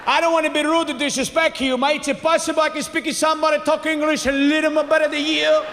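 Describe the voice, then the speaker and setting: A man voicing an angry immigrant father who speaks loud broken English, recorded live with hall reverb. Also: extremely high pitch, little pitch movement, quick pace, voice pushed up. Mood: indignant. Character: angry immigrant father shouting at a call center.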